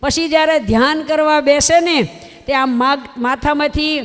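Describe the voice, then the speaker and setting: A high-voiced woman tells a devotional tale from the pulpit, folksy and emphatic, often turning to her listeners. Her voice rings out in a hall with a long, trailing reverb. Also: normal speed. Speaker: religious storyteller. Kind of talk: devotional sermon storytelling.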